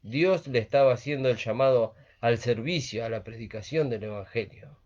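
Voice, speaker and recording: A man's voice: mid-range voice, moderate pace, a little mellow. A man preaching a sermon, earnest and repetitive, often asking "¿vio?". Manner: earnest, repeats phrases with frequent "¿vio?". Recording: dull lo-fi recording.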